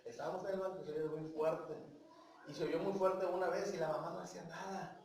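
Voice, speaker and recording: A man's voice: high voice, fairly even intonation, fairly quick, a little mellow, slight background noise. A man with a Mexican accent teaching a Bible class at church, talking with the congregation and often checking in with "right?" and "yes?". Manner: asks the congregation questions, tags with "¿sí?" and "¿verdad?". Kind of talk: conversational Bible lesson to a congregation. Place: church meeting room. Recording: very echoey room, mic far off.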